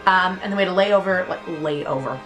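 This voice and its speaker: A woman's voice: fairly low pitch, brisk, faint music behind. A young woman, telling childhood stories in a casual, chatty vlog, filling her speech with "like". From Canada. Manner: chatty, heavy use of "like", animated retelling. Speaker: vlogger.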